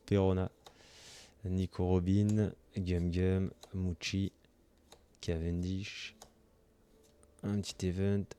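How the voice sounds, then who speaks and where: A man's voice: deep voice, level tone, slow, long pauses, dark tone, smooth. A man hosting his own channel, opening trading card packs in casual commentary, reading off card names and gushing with delight over his pulls.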